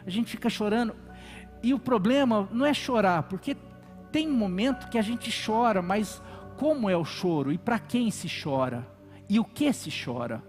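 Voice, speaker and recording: Pastor guy preaching, pretty high voice, really emphatic, some soft music behind. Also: expressive, normal speed. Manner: emphatic, acts out quoted voices. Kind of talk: sermon.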